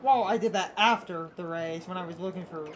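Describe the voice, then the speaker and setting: A woman's voice: lowish voice, brisk, a little hiss or hum. A woman doing casual gaming commentary, explaining things in a rambling, argumentative way over game music. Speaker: let's play co-commentator. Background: video game music.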